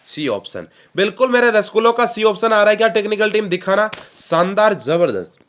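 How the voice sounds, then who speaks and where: A man teaching an online exam-prep class, energetic, quizzing the students and answering his own questions with lots of praise. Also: high-pitched, fairly quick, slight background noise. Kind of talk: live online quiz class.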